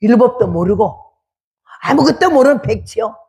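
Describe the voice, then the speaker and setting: A woman's voice: on the high side, animated, moderate pace, dark tone, husky. A woman in her eighties gives a testimony sermon as a missionary preacher, speaking emphatically with repeated rhetorical questions. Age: 80s.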